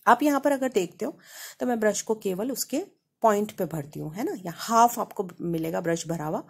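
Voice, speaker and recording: A woman's voice: mid-range voice, moderate pace, gravelly, darkish tone, breathy edge. A woman from India with an Indian accent, giving a casual painting tutorial in a chatty way and often checking in with her viewers. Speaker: painting teacher.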